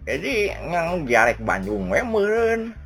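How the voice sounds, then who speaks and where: A man's voice: a little high, wildly swooping pitch, slow, a bit bright, faint music behind. A man with a Sundanese accent on a podcast, answering in a hesitant, joking way. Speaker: podcast co-host. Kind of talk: casual chat.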